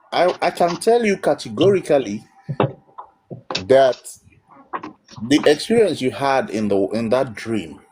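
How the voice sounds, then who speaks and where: A man's voice: medium pitch, a little hiss or hum, low-quality recording. A man giving emphatic, blunt spiritual counsel as host of a live call-in.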